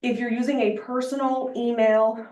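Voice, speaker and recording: A woman's voice: fairly high pitch, level tone, moderate pace, warm tone, dull audio. A woman who is short of breath gives a formal informational presentation as a lawyer briefing a board. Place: public board meeting room. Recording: echoey meeting room, far from mic.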